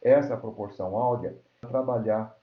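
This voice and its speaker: Low-voiced Brazilian man lecturing online. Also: brisk. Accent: Brazilian Portuguese. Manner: explanatory, frequent checking tags like "né?" and "certo?". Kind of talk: academic lecture. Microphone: computer mic on an online lecture platform. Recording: roomy, dull lo-fi online call audio.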